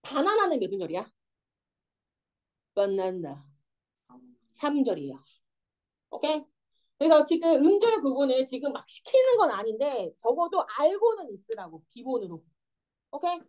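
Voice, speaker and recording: Speaking a little fast in a high-pitched voice, a young woman explains English grammar step by step, frequently checking that her students keep up. She sounds lively, though the audio itself is dull.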